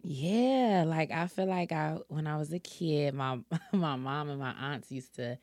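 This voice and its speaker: A young adult woman stand-up comedian with a soothing voice, chatting relaxed in an interview and laughing often. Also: deep voice, a little slow, no room sound. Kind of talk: casual interview.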